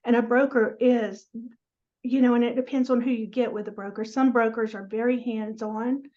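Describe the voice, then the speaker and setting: A middle-aged woman with a Southern American accent speaks conversationally as an advisor being interviewed. Her voice sits a bit high with very little pitch movement, and the video-call audio is slightly muffled. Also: steady tone, moderate pace, warm tone. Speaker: guest, practice transition advisor. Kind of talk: casual interview chat.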